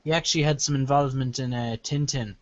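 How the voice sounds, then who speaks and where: A man's voice: mid-range voice, fairly even intonation, quick pace, no echo, muffled recording. A man chatting about movies and offering details on film credits. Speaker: chat guest. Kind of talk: casual chat about movies.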